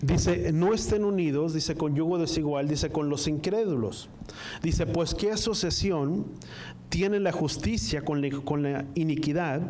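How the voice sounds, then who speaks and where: A man preaching a sermon to a congregation, reading scripture slowly line by line and asking the listeners to repeat after him. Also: a little high, darkish tone, a little hiss or hum. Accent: Spanish-speaking, from the US-Mexico border. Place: church service, also streamed online.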